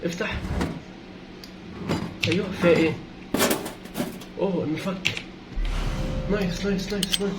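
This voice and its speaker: A high-voiced man with an Egyptian Arabic accent, commentating a video game in an excitable, reactive way. He repeats phrases over and over as things happen on screen. Loud game music plays under his voice. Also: moderate pace, pauses often. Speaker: gaming channel host. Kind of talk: let's play commentary.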